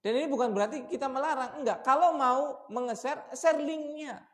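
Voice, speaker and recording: A man preaching at a mosque study session, asking his listeners questions and shifting between raised warnings and quiet asides. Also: normal speed. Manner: lively, shifts from loud warnings to low asides, asks the audience questions. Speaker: Islamic preacher.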